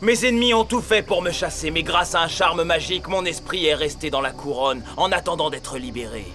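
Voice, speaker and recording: A possessed boy in an animated series who thinks himself an evil overlord. He is high-pitched, haughty and pompous, ordering everyone about over clear background music. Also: fairly quick. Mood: imperious. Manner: pompous, imperious. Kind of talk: animated series dub acting.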